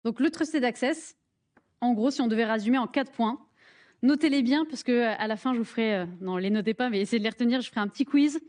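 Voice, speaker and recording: A woman's voice: fairly high pitch, quick pace, darkish tone. A woman with a French accent presenting a live hands-on workshop in a conference room, friendly and joking, with many fillers and restarts.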